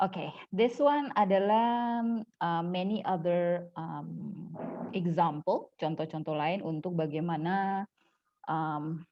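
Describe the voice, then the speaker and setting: A woman teaching an online English lesson, animated and jokey, switching between languages. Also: fairly low pitch, dull audio. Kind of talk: online class lesson mixing Indonesian and English.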